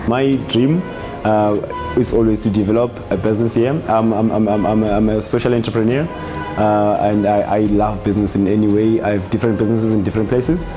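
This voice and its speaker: A South African man who runs a tour company, speaking in a documentary interview in a halting, deliberate way with repeated words. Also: on the low side, steady tone, music in the background.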